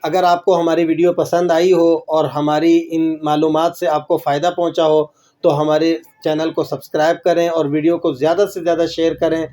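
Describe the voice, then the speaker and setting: A man from Pakistan teaching a religious lesson on pauses in Quran recitation, explaining patiently and often checking with his listeners. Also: a little high, flat delivery, dark tone. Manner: patient explaining, checks in with "right?", slow drawn-out recitation examples.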